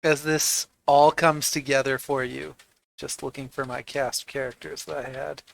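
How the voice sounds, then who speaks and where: A man narrating as game master of a tabletop roleplaying game, piecing scenes together haltingly as he goes. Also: medium pitch, level tone, creaky, rough recording.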